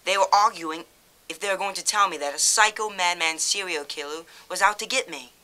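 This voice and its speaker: A woman voicing an earnest young teen boy wizard who tells his story in an animated way. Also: on the low side, a little fast.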